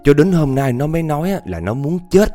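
A century-old male ghost, vengeful and menacing, speaks in a Northern Vietnamese accent, as a man acts him out. The voice sits raised above his usual low register, with faint music behind. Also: very animated, fairly quick, dark tone. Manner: menacing, hungry for a victim.

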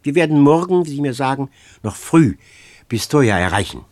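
A man's voice: medium pitch, very animated, a little mellow, no echo, lightly acted. A man doing a stern, resigned man. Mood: grave. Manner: stern, measured, firm. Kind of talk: audiobook reading.

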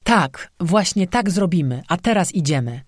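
A narrator voicing a stubborn young man who shouts orders at his frightened friends. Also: medium pitch, lively intonation, measured pace, no echo, clean studio sound. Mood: barking orders. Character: stubborn young man leading a group, harsh.

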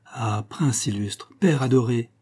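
A man's voice: mid-range voice, a little slow, darkish tone, close to an everyday voice. A man voicing a plaintive young princess. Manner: mannered, plaintive recitation. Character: young princess, delicate, coquettish and mournful.

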